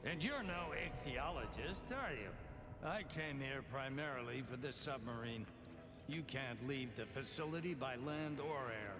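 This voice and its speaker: An actor playing a terse, evasive and blunt hunter and weapons specialist in a video game. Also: male voice, mid-range voice, lively intonation, a little slow, lightly acted. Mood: dry, matter-of-fact. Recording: echoey hall reverb, music behind.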